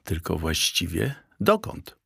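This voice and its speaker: A man voicing a sleepy, sharp-witted female dog who speaks in a curt, grumbling way. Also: deep voice, huge pitch swings, slow pace, vocal fry, husky, exaggerated voice.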